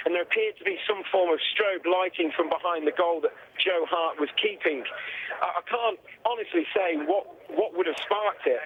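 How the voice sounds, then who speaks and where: Over a thin, tinny phone line, a man with an English accent gives an eyewitness report. His voice is notably high for a man, in the manner of a radio reporter on the scene.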